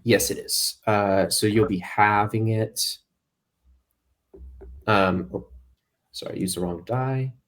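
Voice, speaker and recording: A man's voice: fairly low pitch, slow, pauses often. A man running an online tabletop game as game master, talking with frequent ums and uhs. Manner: hesitant, many ums and uhs.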